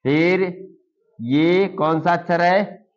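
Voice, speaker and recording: A man teaching beginners to read, sounding out syllables slowly and repeating each word for the learners. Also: fairly high pitch, smooth. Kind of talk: slow Hindi reading lesson for beginners. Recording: dull lo-fi recording.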